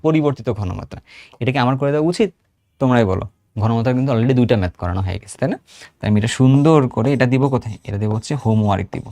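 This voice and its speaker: A man's voice: medium pitch, a little mellow, dry recording, clean studio sound. A man in his thirties with a Bangladeshi Bengali accent, teaching an online exam-prep chemistry lesson in a chatty way, repeating phrases and quizzing his students.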